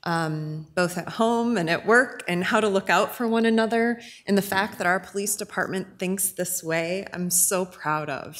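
A woman in her forties, a council member, giving heartfelt thanks with some ums, speaking into a desk mic in a council chamber. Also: medium pitch. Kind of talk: council meeting remarks.

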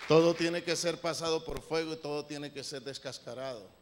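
A man preaching a sermon, theatrical, swinging from shouts to mocking asides. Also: a little high, moderate pace, noisy background. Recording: long hall reverb with loud music. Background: music.

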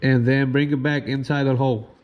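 A man, hosting a fishing channel and calmly talking through how to tie knots step by step. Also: mid-range voice, muffled recording. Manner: laid-back, slow, step-by-step instructions. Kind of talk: casual how-to demonstration.

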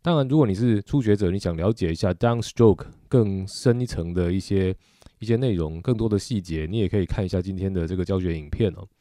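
A man's voice: deep voice, brisk, mellow, no room sound, clean studio sound. A middle-aged man with a Taiwanese Mandarin accent, explaining drumming technique patiently in a video lesson, with frequent filler particles. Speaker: drum teacher.

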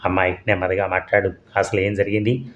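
A man reading the lines of a remorseful elderly mother-in-law in a storybook reading, in his plain, unhurried voice. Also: low-pitched, little pitch movement, fairly bright tone. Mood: pleading. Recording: dull lo-fi audio.

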